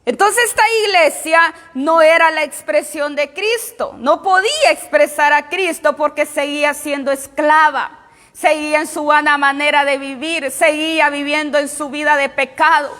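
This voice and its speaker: A woman's voice: high voice, steady tone, moderate pace, sharp tone. A woman pastor preaching a sermon to her congregation, emphatic and repeating her phrases. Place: church. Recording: long hall reverb.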